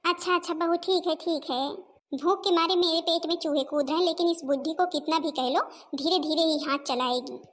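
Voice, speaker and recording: Bossy older mother-in-law, voiced by a woman, high-pitched, scolds and complains. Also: a little fast, slight background noise. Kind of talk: cartoon voice acting.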